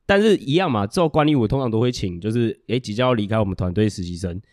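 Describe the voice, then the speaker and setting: A man's voice: fairly low pitch, animated, fast, a little mellow, dry recording. Dry-sounding man hosting a podcast. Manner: joking, laughs often, teasing. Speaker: podcast host. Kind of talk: casual podcast chat.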